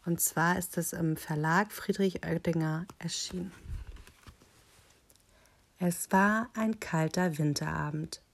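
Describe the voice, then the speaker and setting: Slow, low-voiced woman reading a storybook. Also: vocal fry. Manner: calm, deliberate storytelling. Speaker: children's book reader. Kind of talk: reading a picture book aloud.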